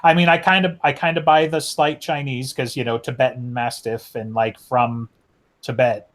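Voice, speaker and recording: A man's voice: medium pitch, little pitch movement, moderate pace. Rambling man chatting about a book. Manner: rambling, many fillers and restarts. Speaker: podcast co-host. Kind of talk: casual book discussion.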